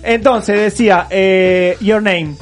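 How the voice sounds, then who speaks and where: A high, breathless diva, put on by a man gushes and sighs in an Argentine accent, overacting every emotion. She sways between sulking and swooning, and she throws in English phrases to sound worldly. A faint bed of music plays under the radio studio chatter. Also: steady tone, slow. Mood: flirtatious. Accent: Argentine Spanish. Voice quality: gushing, theatrical, sighing, mixes in English phrases. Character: flirty, lovestruck, melodramatic woman "Carly". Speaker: radio comedy character. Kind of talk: improvised radio comedy sketch.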